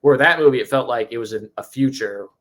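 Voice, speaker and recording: Rambling, animated man on a podcast. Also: medium pitch, fast. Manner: rambling, animated storytelling with many restarts. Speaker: podcast co-host. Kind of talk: casual chat.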